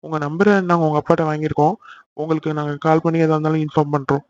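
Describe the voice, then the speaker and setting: A dutiful police officer, courteous and matter-of-fact, speaking fast in a flat, even tone, as a man voices him. The audio is dull and lo-fi, a home-made cartoon recording. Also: on the high side, close to an everyday voice. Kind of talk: voice acting for an amateur animated serial.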